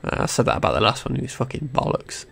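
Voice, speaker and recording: A young man giving excitable, swear-filled commentary on his first time playing a game, with constant startled exclamations. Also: medium pitch, quick pace, vocal fry, a little hiss or hum. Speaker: gaming YouTuber. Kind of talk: casual gameplay commentary.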